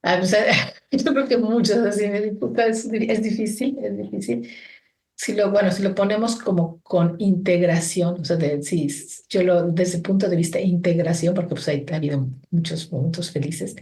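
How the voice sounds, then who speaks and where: Middle-aged Mexican woman, interview guest, low mellow voice, thoughtful and halting. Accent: Mexican Spanish. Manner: thoughtful, many restarts and fillers. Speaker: guest, organization founder. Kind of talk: reflective interview conversation.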